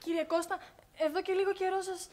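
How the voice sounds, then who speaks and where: A woman's voice: very high-pitched, level tone, darkish tone. An actress playing an eager, polite young woman who keeps trying to be heard. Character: eager young female radio fan, persistent.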